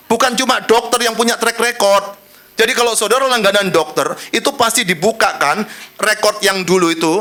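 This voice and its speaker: Bright, high-voiced joking preacher man. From Indonesia. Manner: joking, dramatic sermon with sudden shifts in pace and loudness. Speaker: pastor. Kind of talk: sermon.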